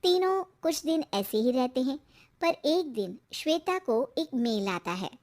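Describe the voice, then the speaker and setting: A woman narrating a cartoon story in a plain, even storytelling manner. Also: high voice, measured pace. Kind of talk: scripted narration.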